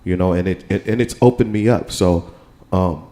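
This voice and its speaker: An American percussionist speaks as a guest on a live radio panel in a studio with an audience. He's casual and rambling, often checking in with the listener and repeatedly saying "you know what I'm saying." His voice is low and dark in tone, at a moderate pace.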